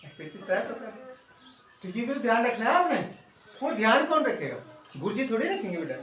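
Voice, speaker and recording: This schoolteacher, a middle-aged man, has an extremely high voice with big swings in pitch, a moderate pace and a slightly bright tone, though the audio sounds dull. He keeps coaxing the class by asking "है ना?". It was recorded on a distant mic in an echoey room with faint noise.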